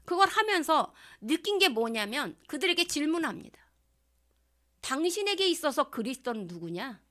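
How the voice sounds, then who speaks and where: A woman pastor giving a sermon, asking the congregation questions and dropping from loud lines to hushed whispers. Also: high voice, sing-song, normal speed. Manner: acts out prayers and quotes in changed voices.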